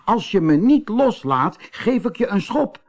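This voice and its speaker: A man voicing a cheeky, boastful young male rabbit trickster in a storybook, squeaky and bossy. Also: expressive, measured pace, a little mellow. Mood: angry. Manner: squeaky, bossy and pleading by turns.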